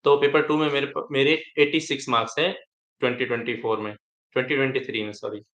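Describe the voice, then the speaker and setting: A man's voice: medium pitch, level tone, quick pace, fairly bright tone. A young man who topped an exam explains how to structure answers, restarting phrases as he advises. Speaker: exam topper sharing tips. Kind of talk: live online interaction. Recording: echoey room.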